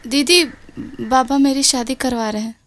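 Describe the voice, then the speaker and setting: A woman's voice: sits high, fairly even intonation, measured pace, a bit bright. An actress playing an earnest young village woman who speaks in rustic dialect. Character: determined village girl grown into art teacher.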